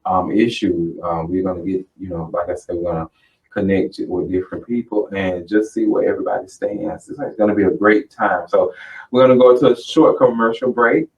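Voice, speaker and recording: A man's voice: sits low, fairly even intonation, a little fast, gravelly, a little mellow, recorded from a distance. A man hosting a casual radio interview, loose and rambling, laughing often. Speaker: radio show host. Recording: lo-fi, from off the mic.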